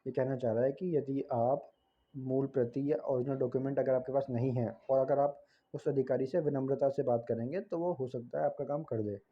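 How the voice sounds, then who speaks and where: Male tutor, mid pitch, chatty lesson delivery, frequent self-corrections, slightly dull recording. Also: steady tone, fairly quick, breathy edge. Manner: conversational, frequent tag questions and self-corrections. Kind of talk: casual explanatory lesson.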